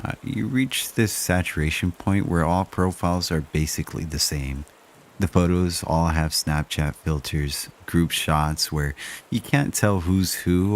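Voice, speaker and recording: A man narrating first-person horror stories in a slow, measured, hushed way. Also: a bass voice.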